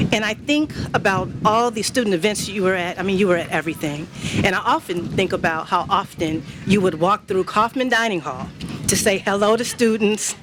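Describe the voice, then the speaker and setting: A middle-aged woman from Indiana gives a warm, personal tribute speech at a dedication ceremony, laughing often and sometimes emotional. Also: medium pitch, background noise. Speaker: college staff member giving a dedication speech. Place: event hall with an audience.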